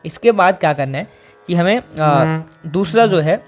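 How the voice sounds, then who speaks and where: A man's voice: a little high, lively intonation, a little slow, over loud music. A man teaching a singing lesson, explaining vocal exercises patiently step by step.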